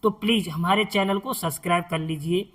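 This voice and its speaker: A man teaching a slow, step-by-step lesson as a Hindi tutor. He speaks patiently, repeats each sound and quizzes the viewer on it. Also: high-pitched, fairly bright tone.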